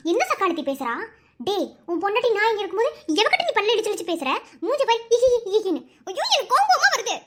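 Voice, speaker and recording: Fiery jealous young wife played by a performer, shrill and quick, scolds and mocks. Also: big pitch swings, fairly bright tone, full character voice. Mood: jealous scolding. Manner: scolding, mocking. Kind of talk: animated cartoon voice acting.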